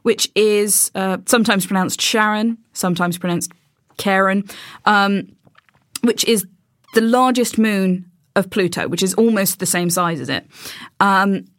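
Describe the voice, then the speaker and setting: A woman's voice: medium pitch, a little slow, no room sound, clean studio sound. A woman explaining space science in casual chat, with many ums and restarts.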